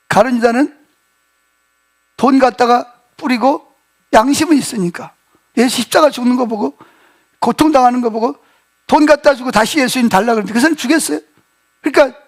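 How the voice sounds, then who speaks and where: A male pastor preaching a sermon, telling the story with lively acted-out quotes and questions to the congregation. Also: extremely high pitch, brisk, long pauses. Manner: animated storytelling, acting out quoted speech, asking the congregation questions. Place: church sanctuary.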